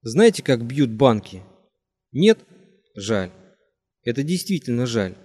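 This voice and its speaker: A man voicing a bitter, drunk young man who rants and breaks into shouts, in an audiobook reading. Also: medium pitch, sing-song, slow pace, breathy edge, full character voice. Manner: ranting, voice rising to shouts.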